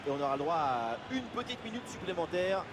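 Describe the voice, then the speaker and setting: A man giving excited football commentary as play-by-play, with exclamatory calls. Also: high voice, brisk. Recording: loud stadium-like background noise.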